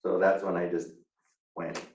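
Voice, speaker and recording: A man, a real estate agent, answering interview questions over a video call in a halting way, with many fillers and restarts. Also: low voice, level tone, darkish tone, echoey room, recorded from a distance, slight background noise, rough recording.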